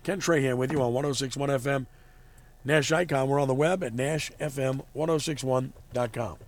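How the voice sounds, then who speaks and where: A man's voice: medium pitch, fairly even intonation, moderate pace, a little hiss or hum. A man hosting a sports talk radio show, giving commentary.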